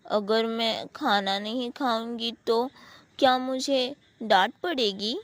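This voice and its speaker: A woman's voice: fairly high pitch, slow pace, fairly bright tone. A woman voicing a timid little adopted girl who speaks hesitantly and stammers, in a storybook retelling.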